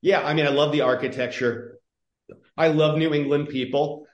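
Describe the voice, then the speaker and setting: A man's voice: a little high, steady tone, normal speed, echoey room, highs cut off. A man from northern Michigan, a podcast guest, telling stories in a chatty, casual way with many fillers and restarts. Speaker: podcast guest, public health entrepreneur. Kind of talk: casual conversational interview.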